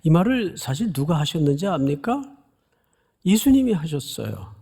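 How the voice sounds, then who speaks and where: Gravelly, lively-voiced man preaching a sermon. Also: fairly high pitch, moderate pace. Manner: dramatic preaching, voices the angel's loud cry; addresses congregation directly with questions. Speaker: pastor. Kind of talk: expository sermon.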